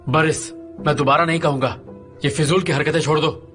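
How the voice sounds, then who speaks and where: An actor playing a stern, hostile younger brother in a dubbed TV drama, cold and warning. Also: male voice, fairly high pitch, steady tone, a little fast, a bit bright, faint music behind, natural voice.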